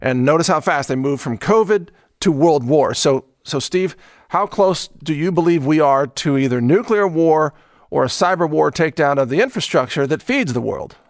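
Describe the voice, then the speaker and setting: A man hosting an interview show, explaining and framing questions in a deliberate, alarmist manner. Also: fairly high pitch, expressive, dry recording, clean studio sound. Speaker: talk show host.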